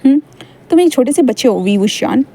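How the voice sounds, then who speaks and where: A woman voicing a calm, dryly questioning elder brother in a told fan fiction story. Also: high voice, a little fast. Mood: wry. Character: calm wry elder brother, young man.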